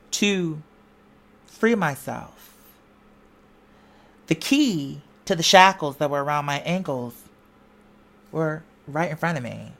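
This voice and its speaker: A woman's low, gravelly voice drives this informal motivational monologue from a video creator. She talks conversationally and uses slang, repeating phrases emphatically in a preacher-like way.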